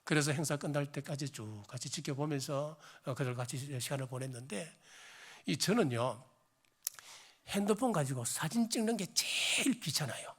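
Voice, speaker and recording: A hoarse middle-aged pastor with a Gyeongsang accent, preaching a sermon in a church, swinging from emphatic exhortation to chatty storytelling. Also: male voice, a little high, animated, normal speed. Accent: Gyeongsang Korean. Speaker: senior pastor. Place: church sanctuary.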